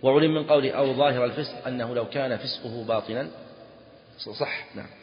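A man explaining a legal text to students, slow and deliberate, often asking them questions. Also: medium pitch. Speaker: teacher of Islamic law. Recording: lo-fi recording in a reverberant hall.

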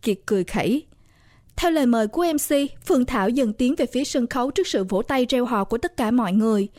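Woman storyteller, high voice, steady expressive horror narration. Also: fast, dry recording, clean studio sound.

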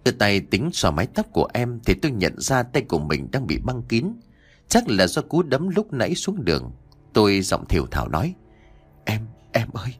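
A man's voice: lowish voice, wildly swooping pitch, a little fast, breathy edge, soft background music. A man narrating a first-person ghost story in a scripted reading.

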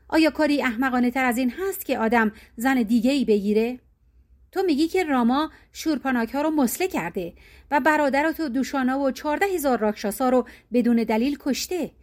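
A woman's voice: high-pitched, darkish tone. A woman doing a scolding demon advisor. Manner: reproachful, warning. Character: wary scolding male demon counselor.

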